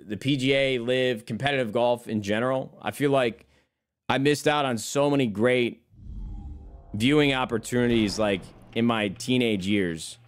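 A man's voice: mid-range voice, normal speed. A man in his thirties, a streamer chatting casually with his viewers. He rambles from one topic to the next, swears freely and keeps calling his listeners brother. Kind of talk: casual chat.

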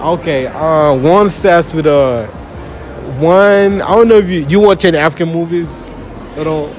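A man's voice: fairly high pitch, measured pace. A young Nigerian man hosting a casual street quiz in a shopping mall, friendly and teasing, singing bits of songs. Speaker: street interviewer and channel host. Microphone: handheld phone. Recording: busy mall with crowd and music.

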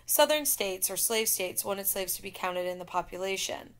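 Woman, teacher, history lecture over slides, gravelly voice, middle pitch, talks straight to students. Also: animated, normal speed, a bit bright. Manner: explanatory, addresses students directly.

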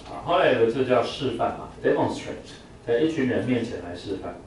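A man's voice: medium pitch, lively intonation, fairly quick, darkish tone. A man giving a classroom vocabulary lecture, explaining with frequent "啊" fillers and leading the class in repeating words. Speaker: English vocabulary teacher. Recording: echoey room from far off, faint noise.

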